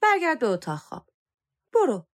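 A woman's voice: high-pitched, wildly swooping pitch, pitched above the performer's own voice. A woman reading a storybook voices a moody, self-conscious teenage girl who whines and pleads. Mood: scolding. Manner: whiny, pleading with her cat.

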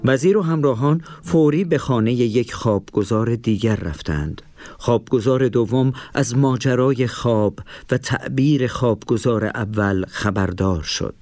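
A man narrating a storybook in a steady, measured way. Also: mid-range voice, no room sound.

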